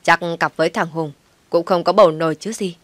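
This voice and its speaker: A woman voicing a sharp-tongued, contemptuous older mother-in-law in an audio story, scolding loudly. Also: sits low, fairly even intonation, normal speed, dry recording.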